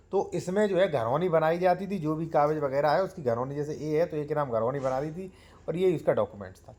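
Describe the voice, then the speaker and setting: A man gives a step-by-step lesson on land law and reads out legal clauses slowly to his viewers. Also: a little high.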